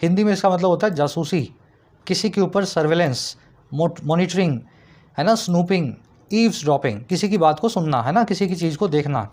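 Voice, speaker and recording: High-voiced tutor. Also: male voice, darkish tone. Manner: explanatory, asks students rhetorical checks, reads example sentences slowly. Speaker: English tutor. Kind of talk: vocabulary lesson explaining words.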